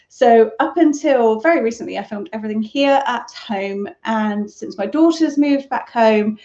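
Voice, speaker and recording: A woman's voice: a little high, a little mellow, muffled recording. A woman hosting a casual crochet Q&A live stream from home, chatty, rambling and self-deprecating. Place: at home, on a sofa.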